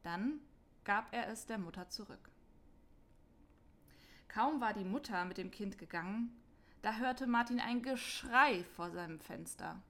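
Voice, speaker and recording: A woman calmly narrating a scripted Christmas story for children in a clear reading voice. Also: mid-range voice, unhurried, long pauses.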